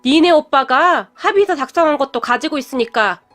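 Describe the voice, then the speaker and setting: A haughty, wealthy middle-aged mother sneers and scolds in a high, drawn-out voice, as a woman narrator puts her on. She looks down on everyone and lets each insult linger. Soft music plays underneath. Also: animated. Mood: sneering haughty.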